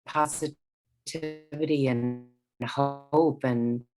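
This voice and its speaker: A woman's voice: extremely low pitch, fairly even intonation, drawn-out words, over music. Woman breaking up on a glitchy video call. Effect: choppy, breaking-up video call audio. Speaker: interviewer. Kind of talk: conversational questions.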